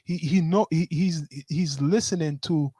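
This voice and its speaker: A man's voice: a little high, unhurried, dark tone, breathy edge, dry recording, studio quality. A man with a Toronto slang accent in a casual discussion, explaining his points step by step and often checking in with "right?". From Toronto, Canada.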